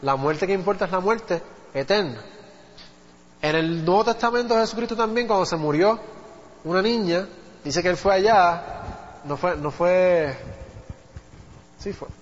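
A man's voice: high voice, a little hiss or hum. A man preaching a sermon, teaching from the Bible in a conversational way and often turning to his listeners with questions. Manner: conversational Bible teaching, asks the congregation "¿viste?". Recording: dull audio with long hall reverb.

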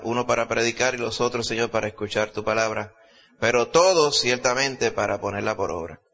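A man's voice: mid-range voice, pushed and bright. A man with a Puerto Rican accent, a pastor preaching and praying aloud in a church service with emphatic delivery and earnest petitions. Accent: Puerto Rican Spanish. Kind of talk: sermon and spoken prayer. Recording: dull lo-fi recording.

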